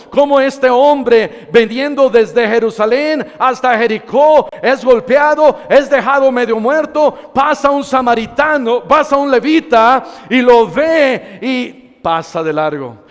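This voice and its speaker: A man's voice: very high voice, unhurried, few pauses, in a large hall. A man preaching a sermon as pastor, acting out short dialogues with dramatic shifts.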